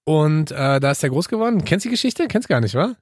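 A man, co-hosting a podcast, quick and laughing, playfully defensive. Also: a little high, sing-song, a little mellow, slightly rough, dry recording, clean studio sound. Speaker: podcast co-host. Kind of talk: casual banter.

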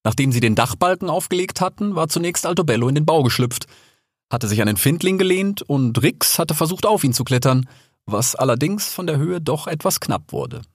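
A man reads an animal tale aloud in a calm, even storytelling voice. His pitch sits a little high and moves freely with the lines. The recording is dry and close. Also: brisk, slightly rough, dry recording. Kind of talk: audiobook narration.

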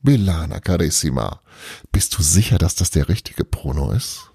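A theatrical Christmas witch mother with an Italian flair, put on by a male storyteller. She swoops high and low through her lines, dramatic and teasing, with a husky edge. A storybook voice full of mischief. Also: very animated, moderate pace, mellow, no room sound, clean studio sound, full character voice. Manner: dramatic, playful, Italian words mixed in.

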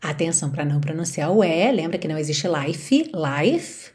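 A woman's voice: sits low, fast talker, darkish tone. A woman with a Brazilian Portuguese accent, an English teacher giving an upbeat online pronunciation lesson through songs. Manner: enthusiastic, demonstrates by singing lyric lines.

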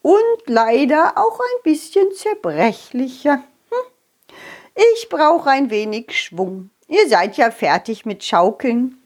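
Brief: old storybook fairy grandma, kind and forgetful, soft lower voice put on by a woman, slow and warm. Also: very animated, heavily acted. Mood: gentle. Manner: gentle, soothing, motherly.

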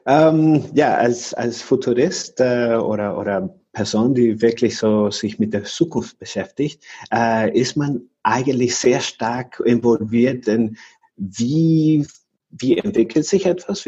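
Man from Venezuela, husky voice, dull lo-fi sound, halting with fillers. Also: mid-range voice, mellow. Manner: searching for words, many fillers and restarts. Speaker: futurist guest. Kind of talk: podcast interview.

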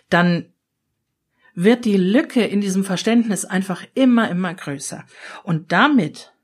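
A middle-aged German woman, a change consultant, hosts a solo podcast in a husky, mid-range voice. She explains ideas in a lively coaching style, addressing the listener directly.

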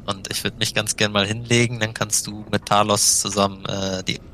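A man with a fairly low, bright voice takes part in a casual tabletop role-play as a player. Background noise is audible. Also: little pitch movement, normal speed, rough recording.

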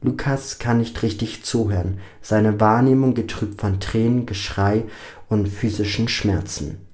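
A man narrating a dramatic story in a steady, measured reading. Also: fairly low pitch.

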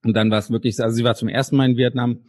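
A man co-hosting a casual podcast, talking quickly with some filler hesitations. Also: mid-range voice, flat delivery, a little mellow.

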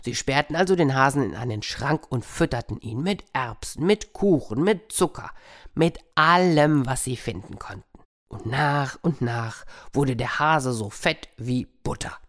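A woman storyteller reading a fable to children. Her voice sits low, and she keeps it lively, drawing the listeners in directly. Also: measured pace. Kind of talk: fairy tale told to children.

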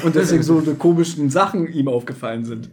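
This man has a fairly high voice and talks in a casual podcast chat. He retells scenes in a lively way and laughs often as he goes. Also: quick pace. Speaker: podcast co-host. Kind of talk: casual chat recapping an audio drama.

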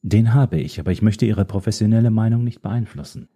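A man voicing a calm, mysterious woman informant who speaks in a measured, quietly menacing way. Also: fairly low pitch, husky. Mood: cool, composed.

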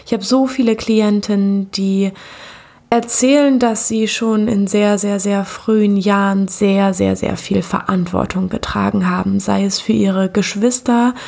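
Slow, gravelly woman coach speaking earnestly. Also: medium pitch, fairly even intonation, darkish tone. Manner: slow, earnest, repeats words for emphasis. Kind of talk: reflective monologue on self-worth.

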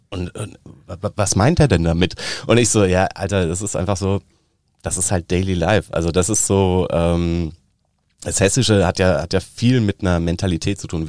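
A man from Upper Bavaria with a Bavarian accent, an actor chatting as an interview guest and telling lively anecdotes with quick dialect impressions. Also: deep voice, no echo, clean studio sound. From Upper Bavaria, Germany. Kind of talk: casual interview chat.

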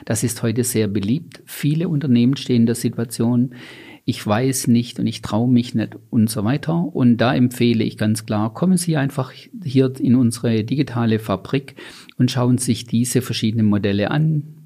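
A middle-aged man, a company founder, giving measured, deliberate interview answers that he sets out in lists. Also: medium pitch, dark tone. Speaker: company founder and guest expert.

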